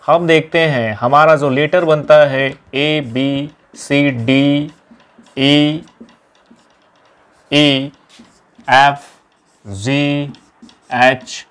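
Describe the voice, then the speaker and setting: A slightly high-voiced male teacher gives an exam-prep lecture. He drills each point by asking a question and then repeating the answer. He keeps calling his listeners friends. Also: fairly even intonation, drawn-out words, long pauses, a bit bright, clean tone. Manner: addresses viewers as friends.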